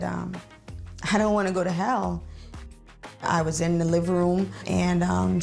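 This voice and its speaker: Gravelly low-voiced woman, halting testimony. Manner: halting, with many fillers and pauses. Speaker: interviewee sharing her testimony. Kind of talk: reflective testimony interview. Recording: soft music underneath.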